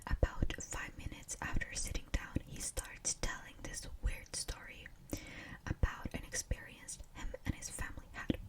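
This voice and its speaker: A woman whispers in a breathy, unvoiced ASMR style, as a storyteller reading aloud with casual asides. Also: moderate pace, far from the mic, low-quality recording.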